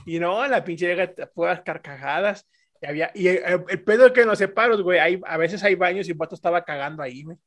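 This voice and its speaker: A man with a Mexican accent spins crude, slang-packed anecdotes in a loose podcast chat. He slips into the voices of the people in his stories. His voice sits a little on the high side. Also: quick pace. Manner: crude slangy storytelling, acting out voices of others. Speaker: podcast guest storyteller.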